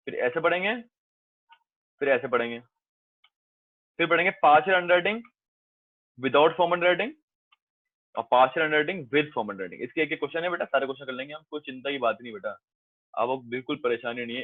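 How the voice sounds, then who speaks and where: Slightly high-voiced, a male commerce teacher coaxes and reassures his class, calling them "beta" and restating his points frequently. There's no echo; the audio comes across dry and tinny, like a phone.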